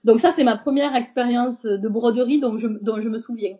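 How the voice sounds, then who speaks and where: Invitée de podcast, une femme, timbre chaud et feutré, parole hésitante avec nombreux « euh ». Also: female voice, on the high side, steady tone, normal speed, mellow, lo-fi sound. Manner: hesitant, many fillers and restarts. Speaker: podcast guest, embroiderer. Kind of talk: casual interview talk.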